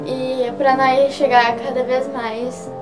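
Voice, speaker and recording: A chatty, high-voiced gaúcha vlogger from Rio Grande do Sul, Brazil, explains regional slang in a casual vlog with a Gaúcho Brazilian Portuguese accent. She speaks slowly with little pitch movement, uses lots of fillers, gestures a lot with both hands, and loud music plays behind her voice.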